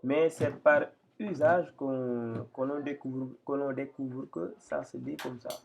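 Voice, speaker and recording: A man giving a slow step-by-step reading lesson, hesitating, repeating phrases and spelling out syllables. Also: medium pitch, fairly even intonation, vocal fry, a little mellow, a little hiss or hum. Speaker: Quran reading teacher. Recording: dull lo-fi sound.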